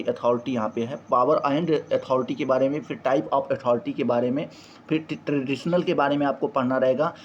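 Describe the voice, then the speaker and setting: A man's voice: mid-range voice, a little hiss or hum. Guy teacher going thru a syllabus, trips over english words a lot, kinda dull lo-fi audio. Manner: halting, restarts on English terms; repeats stock phrases. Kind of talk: syllabus walkthrough lesson.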